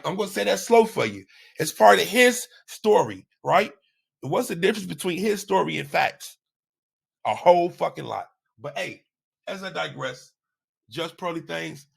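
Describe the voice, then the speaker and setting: A man's voice: a little high, creaky, slightly rough. A man hosting his own podcast, giving a blunt, profane opinion monologue with emphatic repeated phrases. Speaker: podcast host.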